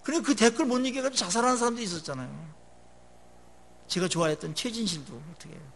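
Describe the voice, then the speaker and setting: A male pastor preaching a sermon in a conversational way, asking the congregation questions and letting his phrase endings drop low after emphatic peaks. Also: fast talker, fairly bright tone, slight background noise.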